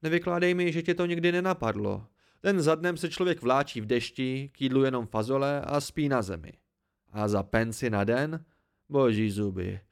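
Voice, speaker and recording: A man reading the lines of a gruff, blustering mercenary guard in an audiobook, blunt and grumbling. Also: mid-range voice, lightly acted.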